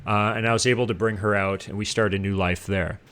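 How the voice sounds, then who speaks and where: A middle-aged man from Canada, a guest casually telling his life story in an animated way, acting out what others said. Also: lowish voice, brisk, smooth. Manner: animated, acts out what people said.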